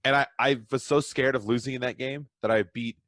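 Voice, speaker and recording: A man's voice: mid-range voice, fairly even intonation, a little fast, fairly bright tone, dry recording, clean studio sound. A man chatting casually as a podcast guest, rambling through stories with a self-deprecating streak. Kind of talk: casual chat.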